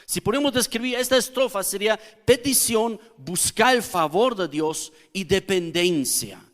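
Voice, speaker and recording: A male pastor delivers a teaching sermon, his voice sitting fairly high for a man. He explains slowly and carefully, often turning to the congregation with a quick question. The sound carries a long reverb from the church hall around him. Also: animated, a bit bright.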